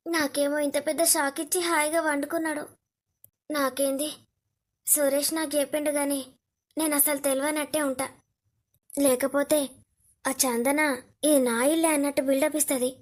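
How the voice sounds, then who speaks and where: A woman voicing an anxious young wife, muttering her worries to herself in an animated family drama. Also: high voice, normal speed, long pauses, natural voice. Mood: worried. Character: anxious young wife fearing eviction by in-laws.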